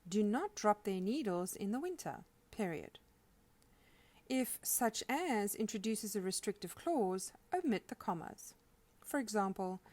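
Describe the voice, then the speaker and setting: A woman's voice: mid-range voice, a little mellow. Woman reading out grammar rules. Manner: reads example sentences aloud, speaking the punctuation marks. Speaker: grammar instructor. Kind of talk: scripted instructional narration.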